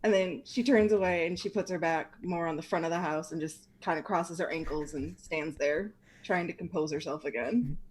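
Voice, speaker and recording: A woman's voice: deep voice, moderate pace, a little mellow, rough recording. A woman playing a tabletop game, casually narrating her character and speaking as her.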